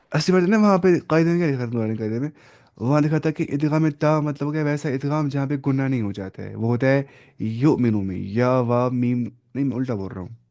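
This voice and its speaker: Man teaching recitation rules, slow models. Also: medium pitch, mellow. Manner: explains, then models slow drawn-out recitation; mixes English terms into explanations. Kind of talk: casual tajweed lesson.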